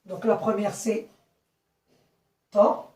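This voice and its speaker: A woman teaching young children a phonics lesson, speaking slowly and clearly, repeating and spelling out words and often checking they follow. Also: a little high, animated, a little mellow. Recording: echoey room, voice from a distance.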